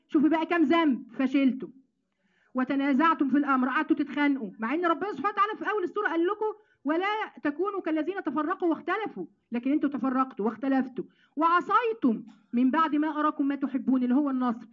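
Egyptian woman, high voice, very fast religious lesson, dull lo-fi sound. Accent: Egyptian Arabic. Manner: animated, addresses listeners as sisters. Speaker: Quran teacher.

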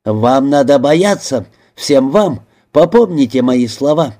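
A male audiobook reader voicing a hysterical, vengeful old spinster who hurls shrill threats, pitched a little higher and louder than his own voice. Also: expressive, takes it slowly. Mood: furious, threatening.

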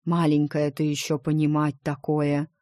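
A woman reading the part of a gruff, protective male dragon in an audiobook, talking bluntly and teasingly. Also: deep voice, completely flat delivery, moderate pace, warm tone, no echo, studio quality, natural voice.

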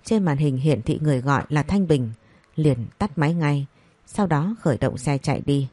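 A woman narrating a scripted story, reading each character's lines in the same even voice. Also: low voice, normal speed, dry recording. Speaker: audiobook narrator.

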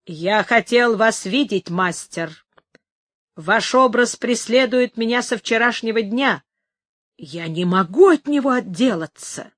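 A towering stranger presses his request in a firm, terse manner, read aloud by a woman. The storybook voice is close and dry, with slow, weighty phrasing. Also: a little high, animated, fairly bright tone, no echo. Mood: pleading. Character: huge imposing man, insistent and secretive.

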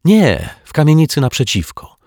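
A man's voice: a little high, big pitch swings, normal speed, darkish tone, dry recording, clean studio sound, voice pushed up. A man voicing an anxious, earnest male detective who talks in a startled, stammering way, in a storybook.

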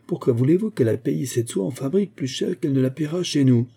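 A man's voice: mid-range voice, lively intonation, fast talker, gravelly, dark tone, husky, pitched above the performer's own voice. A man voicing a charming male store owner who persuades his customers cheerfully. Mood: persuasive.

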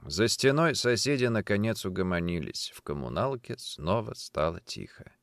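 Male narrator for an audiobook, dramatic and animated, dry studio sound. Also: fairly low pitch, normal speed, no echo. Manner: dramatic, expressive reading. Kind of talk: scripted narration.

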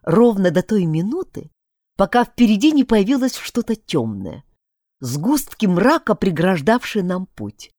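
Woman reading a fantasy audiobook, super animated pitch, dark mellow tone, dry close mic. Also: a little slow, no room sound. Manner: expressive, switching voices for each character. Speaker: audiobook narrator. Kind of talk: first-person fantasy audiobook narration.

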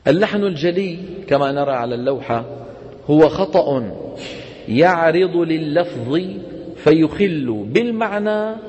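Guy teaching tajweed, kinda high voice, long echo in the hall, keeps quizzing the class. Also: animated, darkish tone, muffled recording. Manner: quizzes students with quick questions and answers. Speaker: Quran recitation teacher.

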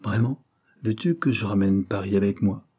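A man voicing an older father who speaks with calm, gentle firmness, in a read-aloud novel. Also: fairly low pitch, moderate pace, slightly rough. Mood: gently firm. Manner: gently reproving.

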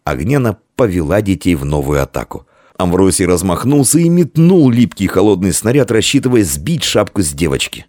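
A man narrating a children's story with expressive reading. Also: low voice, no echo, clean studio sound. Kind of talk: audiobook narration.

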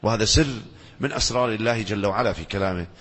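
Husky man lecturing in a reverberant hall. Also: fairly low pitch, fast talker, a bit bright. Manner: asks the audience questions and answers them himself. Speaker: Islamic scholar lecturing. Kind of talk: religious lecture with Quran recitation.

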